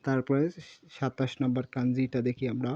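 Man slowly teaching kanji, dull lo-fi sound. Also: mid-range voice, completely flat delivery, mellow. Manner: repeats words slowly, spells out syllables, often says sorry. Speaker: Japanese teacher. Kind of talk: kanji lesson while writing on a board.

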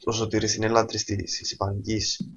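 A man with a Cypriot Greek accent doing let's play commentary, excitable, swearing often, with sudden loud outbursts. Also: fairly low pitch, slightly rough, muffled recording. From Cyprus. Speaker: gamer.

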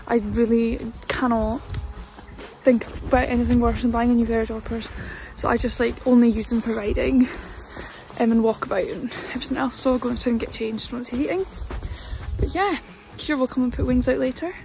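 A woman's voice: on the high side, fairly even intonation, fairly quick, a little mellow, a little hiss or hum. A young woman chatting casually to the camera as she preps her pony and sets up jumps, often apologizing. Her voice is picked up by a camera at the yard and arena, sometimes from a distance. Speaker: horse-riding vlogger. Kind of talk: casual vlog chat. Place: stable yard and outdoor riding arena. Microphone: camera on a tripod, sometimes far off. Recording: clear background music over the voice.

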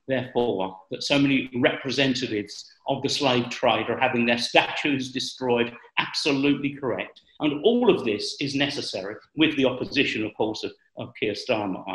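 A man, talking politics in a deliberate, halting, earnest way. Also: mid-range voice. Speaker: political commentator. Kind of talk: political discussion. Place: bright room at home. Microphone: video call. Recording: roomy, echoey video call.

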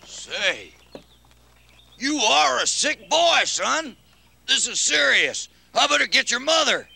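A man's voice: very high voice, very animated, takes it slowly, vocal fry, sharp tone, heavily acted. A blustering old giant king. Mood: bossy. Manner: blustering, bossy. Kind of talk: puppet TV comedy.

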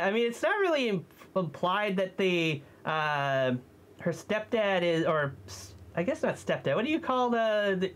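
A casual movie reviewer whose voice comes through a costume head. The talk is halting and full of fillers and self-corrections, set at an ordinary middle pitch. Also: a bit bright. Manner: halting, with many fillers and restarts.

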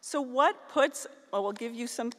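A woman's voice: on the high side, a little slow. Woman giving a ceremonial speech in a hall. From northeastern Ohio, US. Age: middle-aged. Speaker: keynote speaker at a graduation. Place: large auditorium stage. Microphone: podium microphone on a stand. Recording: long hall reverb.

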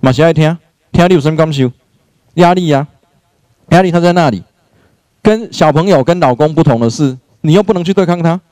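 A man giving an animated spiritual lecture, acting out scenes and laughing often. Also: on the high side, dry recording. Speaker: lecturer, doctor. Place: lecture room.

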